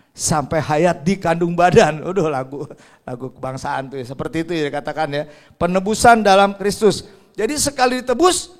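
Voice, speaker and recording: Older man preaching animatedly. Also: high-pitched. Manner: animated, swings between loud stresses and quiet asides. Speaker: Sunday school preacher. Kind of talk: sermon.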